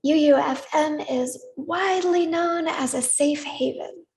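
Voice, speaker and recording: A woman leading a congregation in worship, gently inviting them to repeat words back to her. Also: high voice, measured pace, low-quality recording. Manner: gentle, inviting, leads call-and-response. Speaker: service leader. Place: church sanctuary.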